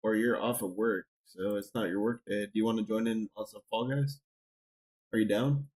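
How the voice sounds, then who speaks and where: A man's voice: on the low side, steady tone, normal speed, darkish tone, husky, low-quality recording. A man casually chatting on a live game stream from his home computer, rambling with lots of fillers as he talks to chat and a friend. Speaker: gaming streamer. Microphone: desk mic.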